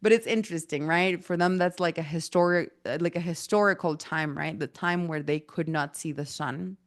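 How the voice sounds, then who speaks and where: A lower-pitched woman leads an online workshop in a loose, chatty way, full of fillers and asides. Her throat is a little irritated. The sound is dry and close. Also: moderate pace, dry recording. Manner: casual, chatty, with many fillers. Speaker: workshop teacher. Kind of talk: online presentation talk.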